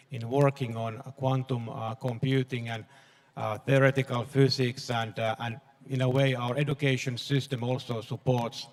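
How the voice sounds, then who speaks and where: A man answering on a live panel, speaking hesitantly with frequent pauses and fillers. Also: medium pitch. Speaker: panel guest.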